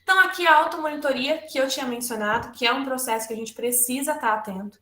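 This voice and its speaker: A woman teaches through a computer mic in a webinar, her voice sitting a little high. She keeps it conversational, restarting phrases and tagging sentences with quick questions. The room around her sounds echoey. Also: pushed and bright. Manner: conversational, frequent "né?" tags and restarts. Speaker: lecturer. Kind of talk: webinar lecture.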